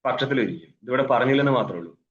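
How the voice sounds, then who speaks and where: A man's voice: mid-range voice, expressive, racing. Swami guy teaching scripture over a video call, asks himself questions then answers, recites sanskrit, kinda muffled audio. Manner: explains by asking questions and answering them himself; mixes Sanskrit recitation with wry asides. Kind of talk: philosophy class lecture. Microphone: online video call.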